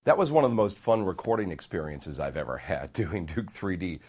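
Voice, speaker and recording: A voice actor in an interview, recalling his recording sessions with relaxed amusement. His voice sits very low. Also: brisk. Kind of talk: interview recollection.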